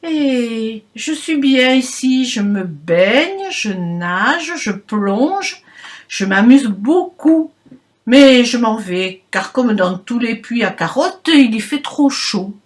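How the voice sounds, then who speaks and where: A woman's voice: fairly high pitch, animated, slow. A woman voicing a fat, boastful male pig in a children's storybook reading, with a snappish way of talking.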